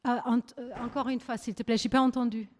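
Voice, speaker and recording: A woman with a German accent leading a church service, speaking gently and hesitantly with frequent pauses and self-corrections. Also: a little high, little pitch movement. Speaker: service leader. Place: church hall. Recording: long church-hall reverb.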